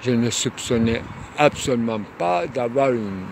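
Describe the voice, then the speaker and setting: A man musing aloud in a rambling monologue, hesitant and full of pauses and fillers, outdoors near a tunnel. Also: mid-range voice, animated, creaky. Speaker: lecturer. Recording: loud traffic noise behind.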